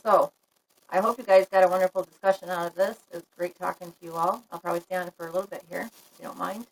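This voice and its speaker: A woman's voice: fairly low pitch, fairly even intonation, fast talker, rough recording. A woman live-streaming a casual chat to her viewers, talking frankly and laughing often. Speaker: livestream vlogger.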